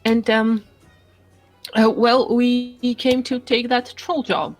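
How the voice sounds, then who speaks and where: A woman playing her character in a tabletop game, chatty, hesitant and quick to laugh. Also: a little high, level tone, faint music behind. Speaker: player.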